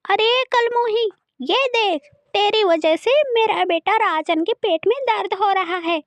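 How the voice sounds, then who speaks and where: A woman voicing a cruel, scornful stepmother who scolds in a shrill, nagging way. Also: animated, a little slow, no room sound. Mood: harsh.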